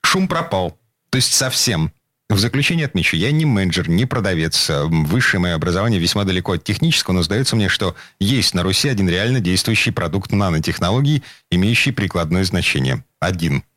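A man's voice: low voice, expressive, fairly quick, a bit bright, no echo, studio quality. A man hosting a programme, presenting and reading written material aloud. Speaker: programme host.

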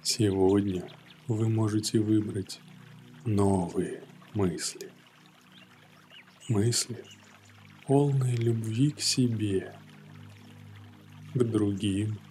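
Guy doing a guided meditation, soothing yoga teacher vibe, really slow with long pauses, soft music behind. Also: fairly low pitch, fairly even intonation. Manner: unhurried, with long pauses between phrases. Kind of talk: guided morning meditation narration.

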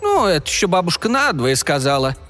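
A man voicing a calm, matter-of-fact male fairy who explains things plainly. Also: sits high, a little fast, soft background music, pitched above the performer's own voice.

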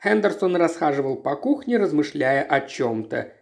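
Audiobook narrator, measured literary reading, very lively intonation. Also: medium pitch, creaky.

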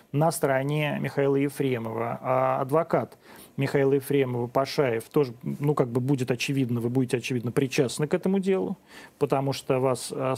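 A man's voice: medium pitch, a little mellow. A man in his forties hosting, delivering a sarcastic opinion monologue and then questioning a guest pointedly. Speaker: host.

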